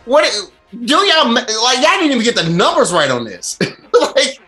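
A man's voice: very high-pitched, huge pitch swings, moderate pace, pushed and bright, faint music behind. A man giving a casual, blunt streamer's commentary on gaming rules in loose slang, swearing freely. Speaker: streamer host.

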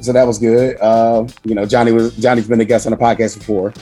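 A man with a hoarse, nearly lost voice hosting a casual podcast, talking in a slangy, self-deprecating, rambling way. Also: medium pitch, level tone, quick pace, warm tone, faint music behind. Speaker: podcast host.

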